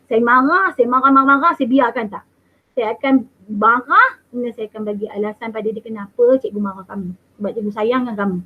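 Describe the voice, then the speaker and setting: Firm, emphatic Malaysian schoolteacher in her fifties, fairly high voice, tinny call audio. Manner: firm, emphatic teacher, checks in with "boleh?". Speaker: mathematics teacher. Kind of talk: recorded interview answers.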